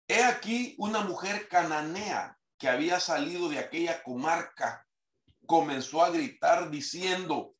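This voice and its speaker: Gravelly-voiced preacher man, echoey room. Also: on the high side, a bit bright. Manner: quotes scripture in a raised reading voice. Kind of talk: sermon teaching.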